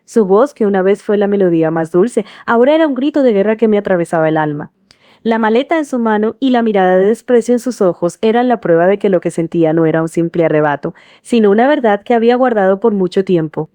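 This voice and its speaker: Dark-toned woman narrating a story. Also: mid-range voice, lively intonation, fast, no room sound. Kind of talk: scripted first-person narration.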